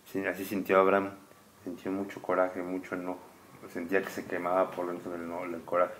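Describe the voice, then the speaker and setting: A man's voice: low-pitched, completely flat delivery, slight background noise. A man homeschooling his child, patiently explaining a scripture story and asking questions. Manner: patient, asks the child questions, reads passages slowly and louder.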